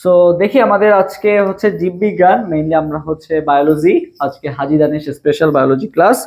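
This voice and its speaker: A man's voice: a little high, a little mellow. A young man with a Bangladeshi Bengali accent teaching a live online admission-test class, repeating each question over and over and urging viewers to comment their answers. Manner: fast, repetitive, drills each question over and over. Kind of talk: live-streamed exam prep class.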